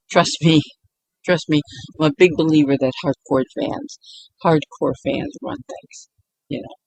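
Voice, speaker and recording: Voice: medium pitch, lively intonation, unhurried, creaky, no echo, poor audio. A YouTuber giving a casual late-night monologue meant to help people sleep, rambling with frequent restarts and often breaking into giggles.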